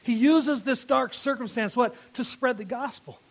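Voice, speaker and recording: A man preaching a sermon in a strikingly high voice. He is emphatic and repeats his phrases, swelling loud and then falling quiet. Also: moderate pace, breathy edge. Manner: emphatic, repeats phrases, rises and drops in volume. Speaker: pastor.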